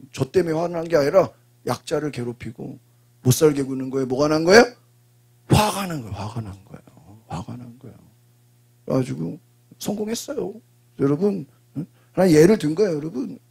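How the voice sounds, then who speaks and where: A pastor delivers a sermon in a raspy, gravelly voice that sits a little high for a man. He keeps asking his listeners short questions and then supplies the answers himself. His delivery comes in punchy bursts, with frequent little prompting asides. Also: very animated, moderate pace, long pauses, darkish tone. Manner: call-and-response preaching, frequent prompting asides.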